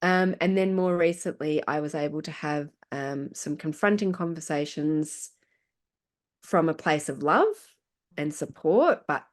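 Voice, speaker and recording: A middle-aged woman speaking as a podcast guest, telling her story in a casual, animated way and laughing often. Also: deep voice, measured pace.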